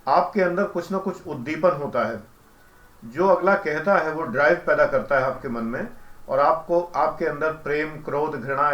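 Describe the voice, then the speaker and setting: A man giving a calm, explanatory devotional lecture as a spiritual teacher, who chants mantras slowly. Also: a little high, echoey room, lo-fi sound.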